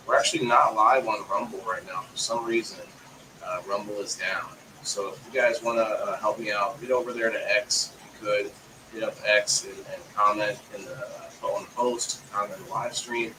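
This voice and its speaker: A man's voice: on the low side, steady tone, normal speed. A man hosting a live stream in a rambling, casual way, his microphone crackling and cutting in and out. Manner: rambling, lots of fillers. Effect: crackly mic cutting in and out. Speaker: live-stream show host. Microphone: camera mic instead of desk mic. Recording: noisy distant camera mic.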